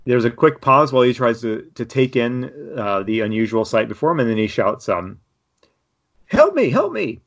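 A man's voice: medium pitch, steady tone, fairly quick, hardly any pauses, a bit bright, muffled recording. A man narrating as game master for a tabletop game, with a loose, rambling delivery full of fillers.

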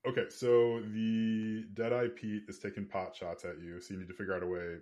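A man talking casually as a game master, thinking out loud on a podcast. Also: fairly low pitch, flat delivery, normal speed.

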